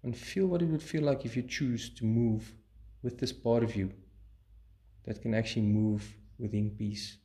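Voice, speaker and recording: A man leading a guided meditation in a calm, soothing, measured way, pausing between short phrases. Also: medium pitch.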